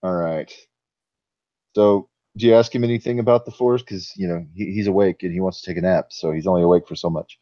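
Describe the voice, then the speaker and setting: Male game master, low mellow voice, casual halting narration, dry, slightly dull recording. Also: steady tone, dry recording.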